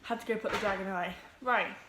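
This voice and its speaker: Teen girl chatting nervously to camera, lots of ums, middle pitch, echoey room. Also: fairly even intonation, background noise. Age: teens. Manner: nervous, talks quickly with many ums. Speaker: vlogger. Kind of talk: casual vlog introduction. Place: home room with pets.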